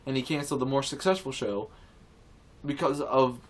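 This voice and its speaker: This vlogger, a man with a mid-range voice and a moderate pace, rants casually into the camera. He's earnest and indignant, wandering off track, saying things twice, and starting over again and again.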